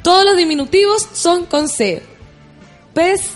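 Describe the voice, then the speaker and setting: A woman's voice: very high-pitched, a little slow, soft background music. A Chilean woman hosting a radio show, chatting playfully and explaining things at length. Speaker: radio host. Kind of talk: casual radio chat.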